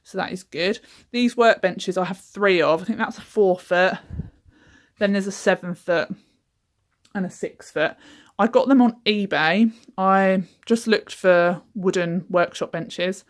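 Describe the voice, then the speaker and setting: A young woman giving a chatty, relaxed tour of her small craft cabin, with frequent ums. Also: medium pitch, unhurried. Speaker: craft business owner giving a workshop tour. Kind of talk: casual walkthrough.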